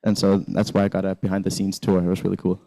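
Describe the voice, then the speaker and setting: Speaking fast in a low, creaky monotone, a teenage exchange student from Sweden rambles casually through a slide presentation about his year abroad. He uses lots of fillers and restarts, and background noise can be heard.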